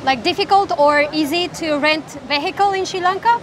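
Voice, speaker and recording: A high-pitched woman asks passersby short, simple questions in slightly broken English. Loud noise from the street outside runs under her voice. She holds out a handheld mic to the people she interviews. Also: brisk. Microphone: handheld mic held to speakers.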